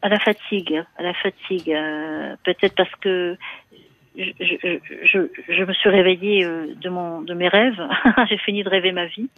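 A woman's voice: fairly low pitch, fairly even intonation, normal speed, dry recording. A woman calling a radio show over a landline phone, talking hesitantly and repeating her words as she confides. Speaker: radio caller. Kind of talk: call-in conversation. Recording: tinny phone line, dry.

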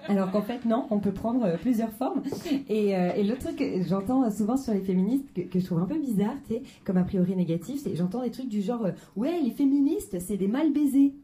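A woman in her thirties does conversational stand-up on a comedy club stage, her mid-range voice warm and a little fast. She comes across hesitant, slangy and self-deprecating. It's a live club recording with faint noise.

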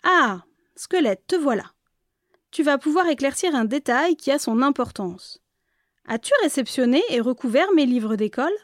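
A woman's voice: normal speed, no room sound, studio quality. Woman doing a bold young witch girl. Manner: lively, exclaiming, high and animated.

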